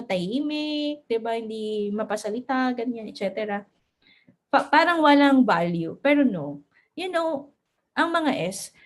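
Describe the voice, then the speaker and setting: A woman giving a motivational lesson to her team as a mentor. She mixes English phrases into her talk, laughs often and stammers at times. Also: fairly high pitch. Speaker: network marketing mentor.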